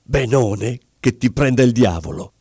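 A man voicing a vain, fussy male official who is anxious and excitable, raising his voice in sharp exclamations above his narrating tone. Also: unhurried, husky, no room sound, clean studio sound. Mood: fretful. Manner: raised, exclaiming, higher than the narration.

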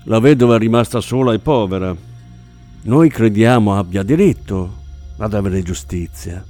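A man voicing a cool-headed middle-aged investigator who speaks calmly and coldly. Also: lowish voice, moderate pace, soft background music, close to an everyday voice. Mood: firm. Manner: calm, cold.

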